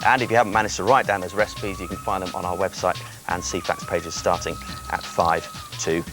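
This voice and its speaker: A man's voice: sits low, level tone, a little fast, music in the background. A man presenting a children's TV cooking demonstration, chatty and explaining step by step.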